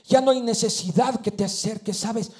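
A male pastor preaching a sermon, swinging from loud bursts to hushed drops and punctuating with amen. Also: high-pitched, moderate pace.

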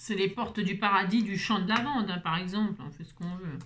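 A woman with a medium-pitched, slightly bright voice talks fairly quickly over a faint hiss or hum. She's hosting a craft tutorial while suffering a migraine, rambling to viewers as she works and tossing in self-mocking asides.

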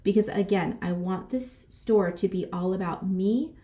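Speaking at a measured pace in a mid-range voice, this thirtysomething woman runs a boutique and vlogs, talking casually and sassily in a small, decorated indoor room. A cold leaves her stuffy and a little breathless. Her delivery is lively, full of attitude, slang and curse words.

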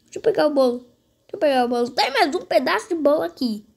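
Female gaming host, notably high-pitched, casual play-by-play aimed straight at viewers, repetitive phrasing. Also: lively intonation, fast, creaky. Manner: repetitive, addresses viewers directly. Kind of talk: casual game commentary.

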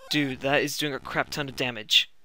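A young man commenting on a game as he plays, reacting out loud and talking to himself, his voice cracking now and then. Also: mid-range voice, steady tone, normal speed. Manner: reacts loudly and talks to himself while playing. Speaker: let's play gamer. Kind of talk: gameplay commentary.

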